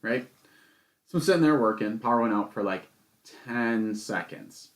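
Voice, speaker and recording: A man's voice: on the low side, lively intonation, moderate pace. A man co-hosting a podcast, telling stories in casual chat with an exasperated, swearing manner. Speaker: podcast co-host. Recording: echoey room.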